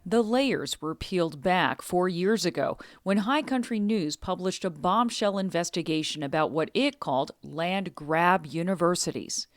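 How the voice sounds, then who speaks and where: A woman's voice: fairly low pitch, expressive, unhurried, few pauses, no room sound. A woman reporter reading scripted narration for an investigative news exposé.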